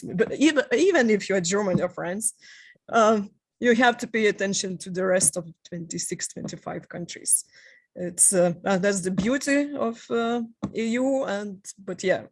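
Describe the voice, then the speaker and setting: A woman's voice: mid-range voice, dry recording. A woman speaking as a panelist, thoughtful and hesitant, with many fillers. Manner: thoughtful, hesitant, occasional light laughs. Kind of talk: panel discussion.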